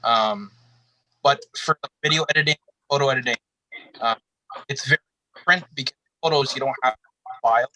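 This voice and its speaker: A man talking in casual chat on a live call from his phone, halting with fillers, his audio breaking up and cutting out. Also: mid-range voice, pushed and bright, no room sound, rough recording. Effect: audio cutting out over a phone connection. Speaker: guest on a live show.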